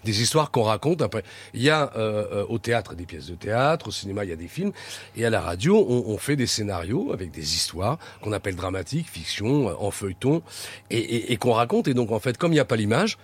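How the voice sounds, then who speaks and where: Husky man, animated pitch, hesitant and repetitive, casual radio chat, studio mic. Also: brisk. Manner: hesitant, repeats words while explaining. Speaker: studio guest, foley artist.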